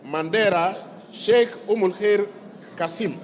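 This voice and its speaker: A man's voice: high voice, slow. A man acting as a parliamentary clerk, formally reading out a roll of constituencies and names. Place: large parliamentary chamber. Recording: reverberant hall, murmuring crowd. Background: crowd.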